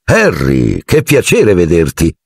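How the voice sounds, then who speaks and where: A man's voice: low-pitched, wildly swooping pitch, takes it slowly, breathy edge, no room sound, clean studio sound, heavily acted. A man doing a pompous teenage prefect. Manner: pompous, haughty.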